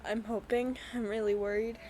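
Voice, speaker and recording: A young woman talking through tears on her own podcast, halting and apologizing often. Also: on the high side, flat delivery, dark tone, a little hiss or hum, rough recording. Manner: halting, apologetic, tearful with many pauses. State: crying. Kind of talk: personal podcast monologue.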